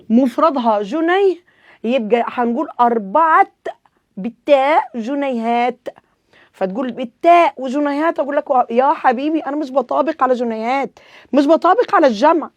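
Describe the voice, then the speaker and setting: A woman's voice: high-pitched, no room sound. A woman with an Egyptian accent teaching an Arabic grammar lesson, asking questions and answering them herself, repeating the rules.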